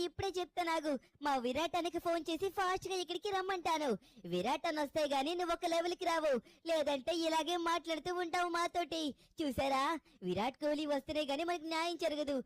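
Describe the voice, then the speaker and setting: A woman's voice: very high voice, dry recording. A woman voicing a sassy little girl who scolds and lectures dramatically in a cartoon-style game dub.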